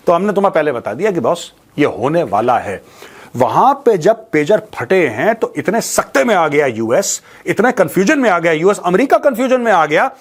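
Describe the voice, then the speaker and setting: A news commentary host with a high voice delivers an informal, opinionated monologue to viewers on current affairs. He is mocking and colloquial, poses rhetorical questions, repeats phrases for emphasis, and mixes in English.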